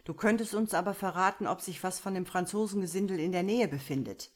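A woman's voice: on the low side, fast talker, natural voice. A woman voicing a firm, commanding young male soldier scout. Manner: firm, commanding, later gentler.

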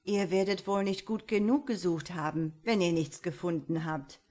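A woman's voice: fairly low pitch, steady tone, normal speed, a little mellow, natural voice. A woman doing a sly young fairy-tale simpleton.

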